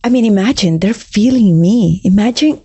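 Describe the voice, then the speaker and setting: A woman's voice: medium pitch, normal speed, warm tone, breathy edge. A woman hosting a podcast, effusive and enthusiastic in casual chat. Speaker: podcast host.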